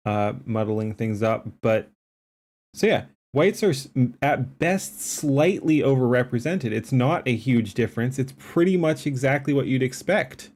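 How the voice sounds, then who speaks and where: This man is reacting live on stream to a debate clip, talking emphatically but wandering, with plenty of fillers and false starts. His voice is medium-pitched and darkish, animated yet measured in pace.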